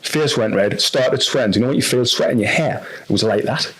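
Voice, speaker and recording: A man's voice: mid-range voice, brisk, a bit bright, slightly rough. A man with a North East English accent telling a personal story on a podcast in a frank, rambling way, full of restarts and fillers. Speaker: podcast guest.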